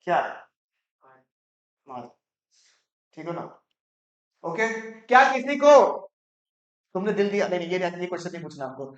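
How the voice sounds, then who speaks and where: A man's voice: sits high, very animated, highs cut off. Male teacher, teasing, quizzing the class, roomy classroom echo. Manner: asks the class quick questions, mixes Hindi and English; playful, teasing students. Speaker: economics teacher. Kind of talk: classroom lecture. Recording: echoey classroom.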